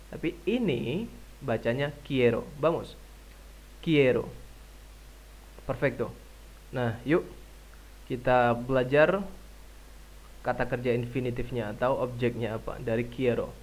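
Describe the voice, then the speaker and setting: Man, Indonesian accent, language teacher, slow unhurried pace, drills words by repetition. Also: medium pitch, darkish tone. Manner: repeats words slowly for learners to echo.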